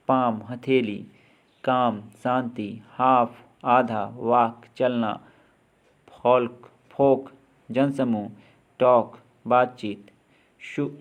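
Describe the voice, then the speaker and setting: Indian male teacher, unhurried lesson delivery, spells words out one letter at a time. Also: medium pitch. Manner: spells words letter by letter, then gives the meaning. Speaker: English teacher. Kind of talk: slow spoken lesson.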